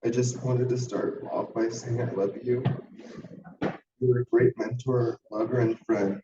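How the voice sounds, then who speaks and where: A man reading a written tribute to his late partner in a steady, even way. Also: medium pitch, measured pace. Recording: echoey hall from far off, dull sound.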